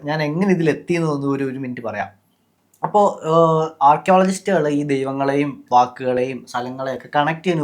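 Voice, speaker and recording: Man, Malayali accent, somewhat high voice, casual explaining, filler-heavy. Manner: chatty, mixes English words into speech, many fillers. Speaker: podcast host.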